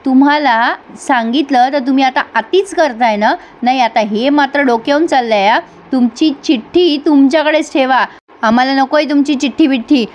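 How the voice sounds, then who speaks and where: A woman's voice: sits high, moderate pace, lightly acted. A woman voicing an irritable, curt young husband. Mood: irritated. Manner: curt, dismissive retorts.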